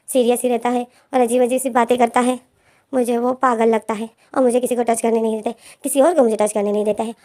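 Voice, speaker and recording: A woman's voice: on the high side, warm tone, lightly acted. A woman voicing a timid, anxious young male college student who complains fretfully.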